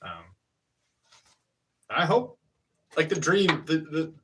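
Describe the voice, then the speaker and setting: A man in his thirties with a slightly high voice speaks slowly in a sing-song way, with background noise and a distant recording. He's chatting casually on a live stream at a pottery wheel, explaining each step in a rambling, hesitant manner.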